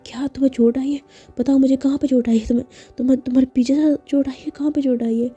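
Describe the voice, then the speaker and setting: Woman doing a flustered young woman in love, stammering, rushed, flat and husky. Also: a little high, lo-fi sound, faint music behind. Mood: worried. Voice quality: stammering, rushed when nervous.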